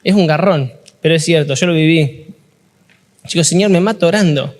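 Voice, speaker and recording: A man's voice: fairly high pitch, moderate pace, big-room sound. A man with an Argentine accent giving a chatty, jokey informal sermon at a workshop, often asking the audience questions. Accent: Rioplatense Spanish. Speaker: youth ministry speaker.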